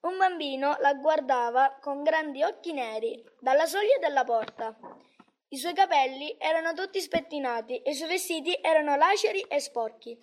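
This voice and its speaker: A woman reads a Christmas storybook aloud. Her voice is high and light, and she narrates calmly with measured phrasing. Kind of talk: storybook reading.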